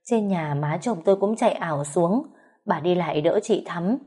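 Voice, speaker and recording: A woman narrates a first-person domestic story. Her voice is low and mellow, and her delivery is even. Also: moderate pace, slightly rough.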